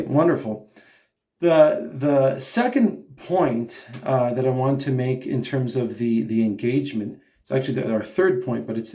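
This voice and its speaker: With a mellow, medium-pitched voice in a roomy-sounding space, a vocal coach patiently explains singing technique one step at a time. He drops in short hummed and sung examples to demonstrate.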